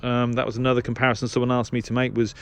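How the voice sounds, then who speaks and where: A man with a medium-pitched voice rattles off a casual, unscripted equipment review in a flat, rapid-fire manner, hesitating and thinking aloud. He's a shortwave radio hobbyist presenter, and there's slight background noise.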